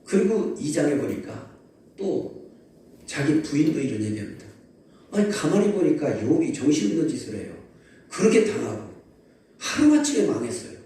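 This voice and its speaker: A man's voice: a little high, big pitch swings, moderate pace, dark tone. A man preaching a Sunday sermon as pastor, telling the story vividly and calling out to the congregation. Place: large church sanctuary. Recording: very echoey church hall, distant mic, faint ambience.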